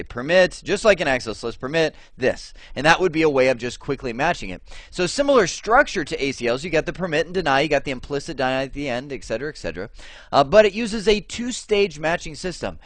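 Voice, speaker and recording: A man teaching networking over slides in a chatty, lively way, often asking the viewer questions. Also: medium pitch, dry recording. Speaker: networking instructor.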